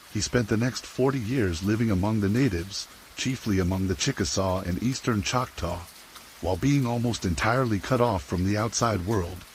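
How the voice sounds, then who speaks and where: A man narrating a scripted horror story for sleep in a measured, serious, documentary-like way. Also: on the low side, a little hiss or hum, poor audio. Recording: steady rain sound behind voice. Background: rain.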